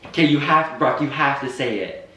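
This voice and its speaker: Late-teen male vlogger from Utah, chatty storyteller, mid pitch, very roomy recording. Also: normal speed, pushed and bright, far from the mic. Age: late teens. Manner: chatty storyteller, laughs often. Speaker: vlogger co-host. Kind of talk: casual chat. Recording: very echoey room, faint noise.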